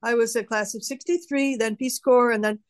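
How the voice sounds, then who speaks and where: A woman's voice: on the high side, steady tone, a little fast. A woman in her eighties casually introducing herself on a video call, rambling and self-deprecating. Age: 80s. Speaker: guest panelist.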